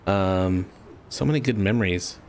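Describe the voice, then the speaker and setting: A man's voice: low voice, moderate pace, a little mellow, slight background noise. A man giving casual, joking commentary while playing a video game, often breaking into laughter.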